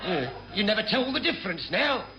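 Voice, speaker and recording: An actor playing a wily, cheeky chief petty officer in a radio sitcom, brash and offhand. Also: male voice, high voice, big pitch swings, a little fast, heavy background noise. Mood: breezy, sly. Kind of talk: classic British radio sitcom acting.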